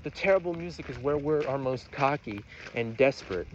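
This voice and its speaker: A man's voice: mid-range voice, lively intonation, a little fast, lo-fi sound, a little hiss or hum. A man rambling through a casual, profane monologue while walking outdoors on roads. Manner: rambling, profane, self-mocking. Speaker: vlogger.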